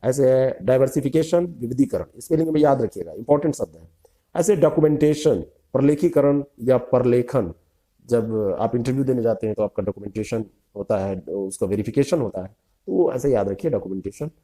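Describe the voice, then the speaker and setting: A man's voice: mid-range voice, a little fast, mellow. A man teaching an exam vocabulary lesson, reading each English term and then its meaning, repeating words and adding short asides.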